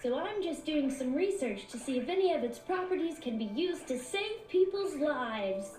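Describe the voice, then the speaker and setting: A woman voicing a gentle, polite young boy in an anime dub. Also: high voice, animated, normal speed. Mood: earnest, hesitant. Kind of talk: English anime dub acting. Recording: roomy, distant speaker playback.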